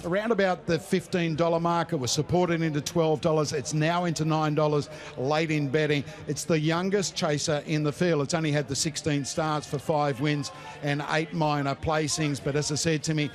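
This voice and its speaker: Australian racing host tipping, higher male voice. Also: fairly even intonation, normal speed. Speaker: racing broadcast host and tipster. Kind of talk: betting tipster's greyhound race preview.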